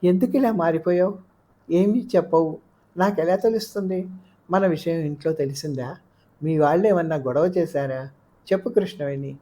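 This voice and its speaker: A woman's voice: sits low, normal speed, pauses often, warm tone, lightly acted. A woman reading the part of a bewildered, anxious young man, pressing with urgent questions in an audiobook. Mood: distressed pleading. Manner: pleading, rising urgent questions.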